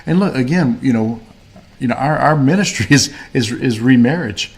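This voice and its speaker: A man's voice: mid-range voice, animated, normal speed. Man, faith podcast co-host, rambling, lots of fillers. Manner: rambling, many fillers and restarts. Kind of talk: casual faith-based chat.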